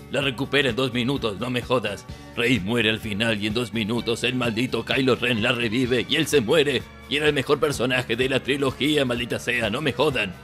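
Parody dub: male actor as sardonic old villain emperor, Latin American Spanish accent, forceful tone, mid pitch, light music behind. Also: lightly acted. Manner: sardonic, exasperated, swearing. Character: grumpy, foul-mouthed old male evil emperor reviewing a film. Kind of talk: comic scripted review in parody dub. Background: background music.

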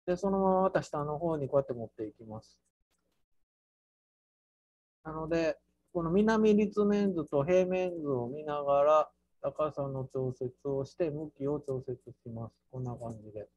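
A man with a Kansai accent teaching an architecture class through a software task, playful, with sound words and mock squeals. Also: on the high side, moderate pace, highs cut off. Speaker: architecture instructor.

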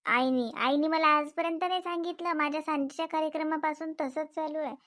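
A woman's voice: sits high, steady tone, brisk, fairly bright tone, no room sound, studio quality. A woman speaking, playing a worried wife in a domestic comedy skit who complains and grows heated. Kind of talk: scripted domestic comedy dialogue.

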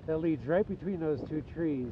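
A man's voice: fairly high pitch, normal speed. A man giving patient step-by-step ski coaching outdoors on a slope, recorded on a helmet camera. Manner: patient, gives step-by-step tips. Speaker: ski instructor. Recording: muffled with loud wind noise. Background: wind noise.

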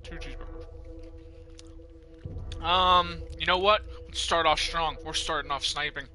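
A man giving casual gameplay commentary, excitable and rambling, swearing freely. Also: on the high side, measured pace, soft background music. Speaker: gamer. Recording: loud game audio behind voice. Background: gunfire and engine noise.

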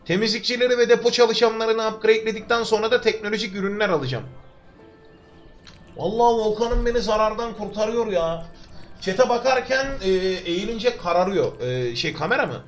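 High-voiced young man streaming a game. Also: brisk, dull audio, soft background music. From Turkey. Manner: chatty, joking, talks to chat and to himself. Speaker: livestreamer. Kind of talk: live gameplay commentary. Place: home room. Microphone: desk microphone.

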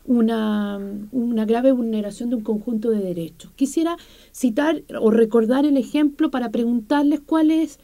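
A woman interviewing guests in a small radio studio, asking measured, formal questions. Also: fairly high pitch, dark tone. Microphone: studio table mic.

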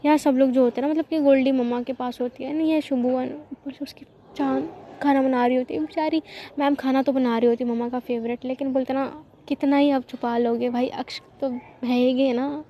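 A woman's voice: high-pitched, steady tone, fairly quick. Chatty woman narrating a story, lo-fi. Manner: chatty, sympathetic asides. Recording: dull lo-fi recording.

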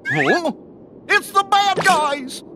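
An actor voicing a good-natured, dopey cartoon dog with a slow goofy drawl. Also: male voice, very high-pitched, huge pitch swings, noisy background, heavily acted. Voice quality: dopey drawl, hyuck-ish.

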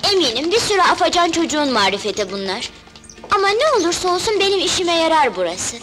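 A woman dubbing a sweet, gentle young princess in a film, speaking kindly and with wonder. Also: very high voice. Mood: delighted. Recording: dubbed film soundtrack with music.

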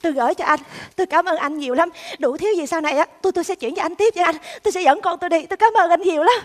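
A woman's voice: very high voice, racing. An actress playing a remorseful young mother, speaking in a hesitant, pleading, stammering way. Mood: grateful. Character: remorseful young mother who gave up her baby. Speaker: actor in a staged skit. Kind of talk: sentimental stage drama.

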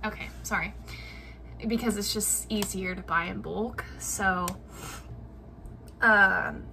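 A young woman vlogger with a medium-pitched, sharp voice chats casually to viewers while prepping meals in her home kitchen, rambling with lots of likes and ums. A camera on the counter picks her up from a distance, so the rough recording is off-mic with clear room noise.

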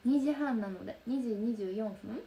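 A young woman with a soft Kansai accent chatting casually on a livestream, reading out and answering viewer comments. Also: fairly high pitch, moderate pace, gravelly, slight background noise. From Kansai region of Japan. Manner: soft, bubbly, chatty with frequent laughs. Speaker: livestream host. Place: room lit by daylight.

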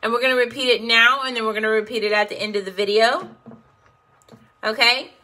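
A woman's voice: fairly high pitch, fairly even intonation, brisk, bright, forceful tone. A woman hosting a self-help video, coaxing viewers through a call-and-response affirmation exercise with encouraging murmurs.

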